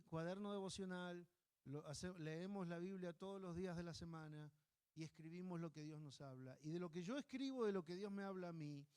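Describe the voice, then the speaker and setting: A man preaching a sermon as pastor, earnest, often checking in with the listeners and acting out little scenes in higher voices. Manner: animated storyteller, acting out a baby and parents in high voices.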